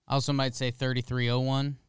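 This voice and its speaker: A man's voice: mid-range voice, level tone, clean tone, no echo, clean studio sound. A man co-hosting a comedy podcast, bantering in a playful, teasing way. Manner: playful, teasing, quick to riff. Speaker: podcast co-host.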